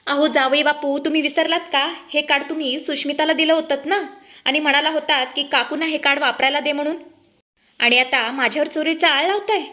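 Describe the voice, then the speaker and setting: A woman's voice: sits high, steady tone, a little fast, sharp tone, pitched above the performer's own voice. A woman reading the lines of a frightened middle-aged mother accused of theft, in a pleading manner. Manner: pleading, fearful.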